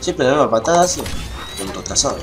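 A man's voice: medium pitch, very animated, fast. A young man with an Argentine accent commentating his gameplay, swearing and ranting in exasperation. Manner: foul-mouthed, ranting, easily exasperated. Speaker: gamer. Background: game music and sounds.

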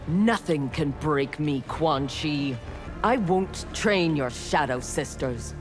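Over game music, an actress in a deep voice plays a stern female clan warrior in armor during fighting-game intro banter. She takes her lines slowly, sounding cold, clipped and menacing.

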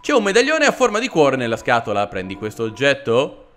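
Animated gamer with a sore throat. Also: male voice, mid-range voice, fairly quick, soft background music. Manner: animated, sarcastic. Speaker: let's play host. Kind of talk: gameplay commentary.

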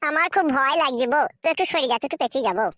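A woman's voice: high voice, very fast, noisy background, lightly acted. A woman voicing a foolish, cowardly husband in a comic cartoon, pleading and wailing. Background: background music.

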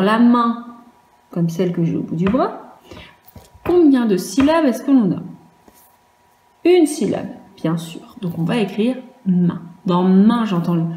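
A woman teacher leads a lesson for young children, her slightly high, mellow voice moving at an unhurried pace. She patiently spells words out letter by letter. The room sounds echoey, with a faint hiss of noise behind her. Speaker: primary school teacher. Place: room at home for a virtual class.

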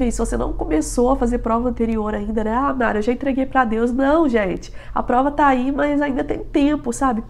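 Her voice is high-pitched with vocal fry, and a head cold leaves it nasal and stuffy. The speaker, a vlogger in her twenties, gives study advice to camera from a small bedroom in a chatty way, leaning on filler tags and gesturing animatedly with her hands.

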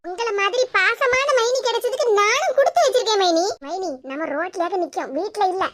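A woman's voice: extremely high pitch, brisk, fairly bright tone. A woman voicing a talkative young co-mother-in-law who reasons at length, in a cartoon, with a Kanyakumari Tamil accent. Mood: chatty reasoning. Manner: talkative, explains at length, laughing.

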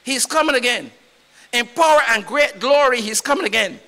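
A man's voice: very high-pitched, animated, moderate pace, bright, forceful tone. A man with a Barbadian accent preaching a sermon in church, emphatic and repetitive, often rising in volume. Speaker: pastor.

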